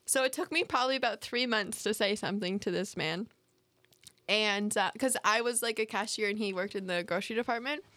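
A woman's voice: medium pitch, brisk, no room sound. A young woman co-hosting a podcast, telling stories in casual chat and giggling often. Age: young adult. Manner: bright, giggly storyteller. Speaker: podcast co-host.

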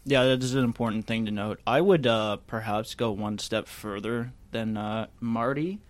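A man's voice: fairly low pitch, normal speed. A man co-hosting a casual film podcast in an attic, hesitant and thinking aloud as he goes. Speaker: podcast co-host. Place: indoors in a chilly attic.

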